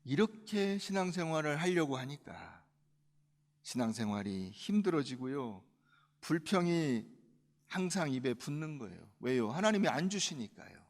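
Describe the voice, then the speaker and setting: A male pastor with a high-pitched voice preaches emphatically, dropping soft and then rising loud. His sermon echoes with a long reverb through a church sanctuary. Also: very animated, normal speed. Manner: emphatic, swings between loud and quiet.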